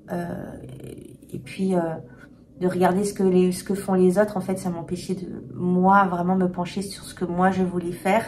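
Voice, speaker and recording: A woman chatting candidly to camera as a tarot reader, talking frankly and often pausing to search for words. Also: fairly low pitch, warm tone. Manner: hesitant, many filler pauses, frank and confiding. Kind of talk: candid casual vlog chat.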